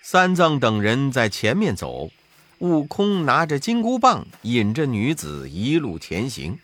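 A man narrating a classic storybook tale with expressive rises and falls. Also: mid-range voice, unhurried, no room sound. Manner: expressive, rising and falling for effect.

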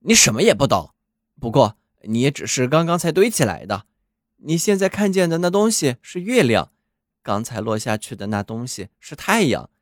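A man playing a hoarse old barking watchdog. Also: medium pitch, sing-song, moderate pace, no echo, studio quality, lightly acted. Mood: gruff. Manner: barking, know-it-all. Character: old hoarse chained male watchdog, gruff.

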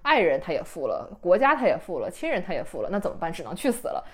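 A woman chatting casually about novels, expressive and animated as she talks. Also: lowish voice, fast. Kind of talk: casual book chat.

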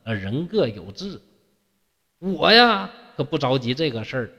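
A man's voice: mid-range voice, sing-song, a little slow, sharp tone, husky, big-room sound, muffled recording, exaggerated voice. A man voicing a carefree young male scholar who answers in easygoing, jokey colloquial retorts. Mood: playful.

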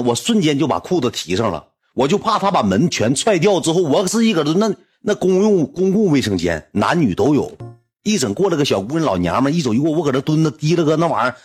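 A man with a Northeastern Chinese accent telling a comic personal anecdote in an animated, rambling, indignant way. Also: a little high, husky. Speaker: storyteller.

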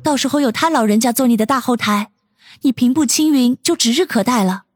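A woman's voice: high voice, lively intonation, a little fast, no echo, soft background music. A woman voicing a bold young woman who scolds and teases sarcastically. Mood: sarcastic. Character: bold, sharp-tongued young woman, elder cousin.

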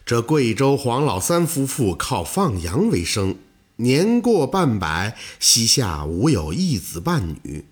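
A man's voice: mid-range voice, sing-song, slow, breathy edge. A man narrating a folk tale in a dramatic storytelling manner.

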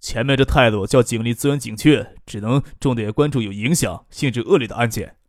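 A man reading a novel aloud, voicing male characters in a quick bantering way. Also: medium pitch, no room sound, clean studio sound. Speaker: narrator. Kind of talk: audiobook narration with character voices.

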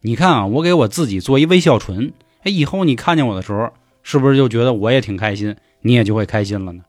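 Manic disfigured young killer with a lilt, pitch jumping high and low, sickly sweet, put on by a male storyteller. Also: animated, fast talker, no echo, clean studio sound, close to an everyday voice. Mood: eerie sweetness. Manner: manic, mock-cheerful.

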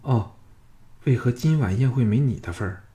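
A man's voice: medium pitch, expressive, moderate pace, warm tone, pitched above the performer's own voice, lightly acted. A male reader voicing a curious young male swordsman who asks pointed questions in a storybook reading. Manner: prying, questioning.

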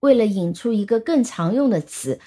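A woman teaching vocabulary, explaining patiently and reading the example sentences slowly. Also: on the high side, expressive, mellow. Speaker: English teacher. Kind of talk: vocabulary lesson.

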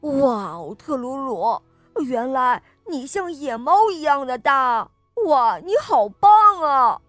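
A woman voicing a small, timid mouse in a children's story, squeaky and excitable, stammering when scared. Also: measured pace, no echo, soft background music. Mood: admiring. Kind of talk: storybook character voice.

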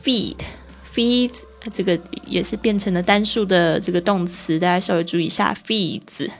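A woman teaching English vocabulary, slowing down to read phrases and spelling words letter by letter. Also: mid-range voice, fairly even intonation, soft background music.

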